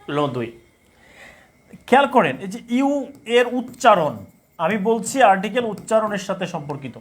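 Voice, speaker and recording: A man's voice: high-pitched, sing-song, brisk. A man teaching English grammar in a live online class, asking questions and repeating the answers to drill his students. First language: Bengali. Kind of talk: live online class, reading chat comments.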